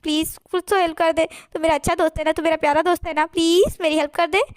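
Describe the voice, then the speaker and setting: A melodramatic young boss begs and whines in a high, quick voice, as a woman acts him out. He is self-pitying and over the top, and the voice sounds close and dry. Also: fairly even intonation, dry recording. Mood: whiny pleading. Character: young male company boss, whiny, desperate, dramatic.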